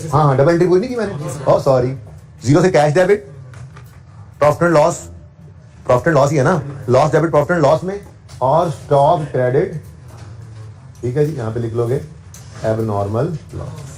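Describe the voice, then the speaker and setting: A man's voice: on the high side, a little mellow. A man teaching accounting to a class, explaining step by step, often checking with his students, and switching into English for technical terms. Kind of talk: classroom lecture.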